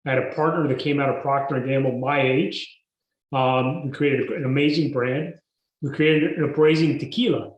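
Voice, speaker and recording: A man, a guest telling his story in a podcast interview in a measured, emphatic way. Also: medium pitch, fairly even intonation, dull audio. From Mexico. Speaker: guest entrepreneur. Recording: roomy echo.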